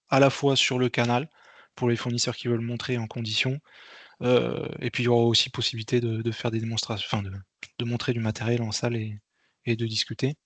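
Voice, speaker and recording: A man acting as an event organizer gives a casual meeting briefing, halting and hesitant, often repeating himself. His voice sits in the mid range with a slightly bright quality, and the recording is dry.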